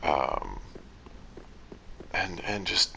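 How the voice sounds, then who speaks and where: A sleepy man talks slowly over his gameplay, his voice low and deep but with a bright edge. He rambles with plenty of restarts and pokes fun at himself. A faint hiss sits under the recording. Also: wildly swooping pitch, vocal fry. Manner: rambling, drowsy, self-deprecating, with restarts. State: tired, sleepy. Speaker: gaming video commentator. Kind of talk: casual gameplay commentary.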